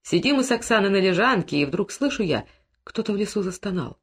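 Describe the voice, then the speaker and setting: A woman reads classic prose aloud as an expressive storyteller. Her pitch moves widely and freely through the tale. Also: fast talker, slightly rough. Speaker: audiobook narrator. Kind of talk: classic prose audiobook reading.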